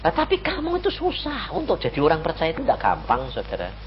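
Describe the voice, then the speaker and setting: An older man preaching with a Javanese lilt, his voice sitting fairly high and swinging widely up and down as he throws rhetorical questions at the congregation. The recording is dull and lo-fi, with a faint hiss of noise underneath. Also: fast talker. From Central Java, Indonesia. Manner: animated, conversational, peppered with rhetorical questions. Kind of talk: sermon.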